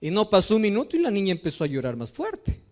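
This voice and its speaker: A man preaching a sermon as pastor, animated, acting out the voices in his stories. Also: high-pitched, fast talker. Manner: animated preaching, acts out dialogues in story.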